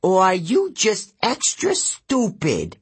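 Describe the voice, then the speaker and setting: A growling, sneering river god with a seal's body and a wolfish face, put on by a male audiobook reader. His high, strained voice is husky and swings up and down wildly. He drags out his insults at a slow pace. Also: wildly swooping pitch, exaggerated voice. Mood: snarling. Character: angry male river god, seal-like, snarling.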